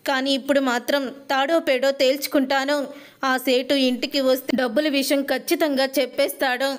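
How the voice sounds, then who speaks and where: A woman's voice: high voice, natural voice. A woman voicing a stern young husband who scolds his wife and demands money, in an insistent, scolding manner.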